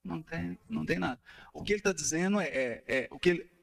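A man's voice: a little high, quick pace, creaky. A man giving an explanatory talk to a study group, asking rhetorical questions and tapping out rhythms as he goes. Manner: animated, asks rhetorical questions, taps out rhythms.

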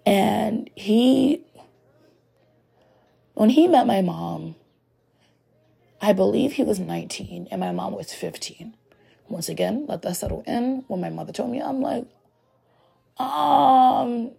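A young woman hosting a podcast, talking frankly and rambling in a casual monologue while hoarse from losing her voice. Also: medium pitch, lively intonation, measured pace, pauses often, mellow. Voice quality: gravelly and raspy. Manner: rambling, frank, heavy on "like" fillers. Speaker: podcast host.

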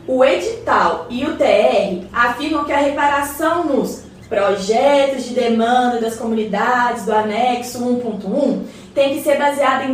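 A slightly high, natural-sounding Brazilian woman voices a patient, encouraging neighbour who knows a lot and explains it in colloquial radio drama dialogue. She speaks to her neighbour respectfully. The recording has a roomy echo, faint noise, and a distant microphone.

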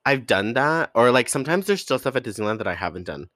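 A man's voice: mid-range voice, big pitch swings, fast, fairly bright tone, no echo, clean studio sound. A man co-hosting a podcast, telling stories in an enthusiastic, earnest way. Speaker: podcast co-host. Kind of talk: casual storytelling chat.

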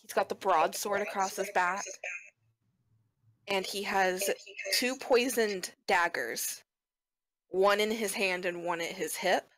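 A woman running a tabletop game as game master, narrating slowly and descriptively. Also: medium pitch, a bit bright, rough recording.

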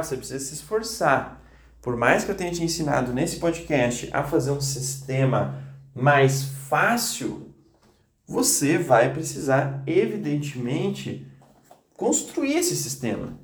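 Guy hosting a teacher coaching podcast, slightly high voice, bit stuffy from a cold, echoey room. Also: very animated, unhurried. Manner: insistent, repeats phrases for emphasis. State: slightly congested with a cold, occasional coughs. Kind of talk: motivational podcast monologue.

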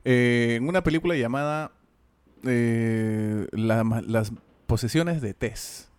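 Relaxed man, dry close sound. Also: mid-range voice, takes it slowly, smooth, dry recording. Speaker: voice actor and teacher. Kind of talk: casual chat.

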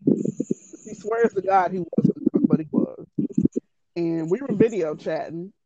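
A woman's voice: on the low side, expressive, takes it slowly, dark tone, no echo. A woman animatedly retelling a story in casual, profane, exasperated chat. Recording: dull lo-fi dry audio.

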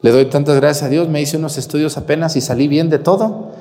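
Emphatic Mexican priest preaching in a church. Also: male voice, fairly high pitch, fairly even intonation, fast, mellow. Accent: Mexican Spanish. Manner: folksy, emphatic, addresses listeners directly. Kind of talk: sermon during live-streamed mass. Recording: reverberant church.

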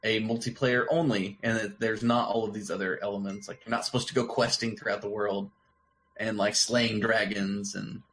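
A man's voice: lowish voice, flat delivery, moderate pace, fairly bright tone, a little hiss or hum, poor audio. A man co-hosting a gaming podcast in casual chat, talkative and joking, full of filler words. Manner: chatty, filler-heavy, joking. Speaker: podcast co-host.

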